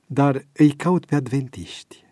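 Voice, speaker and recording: A man voicing a thoughtful aging father, speaking in a hushed, reflective way and sometimes dropping to a whisper. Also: medium pitch, no echo, clean studio sound, pitched above the performer's own voice, natural voice.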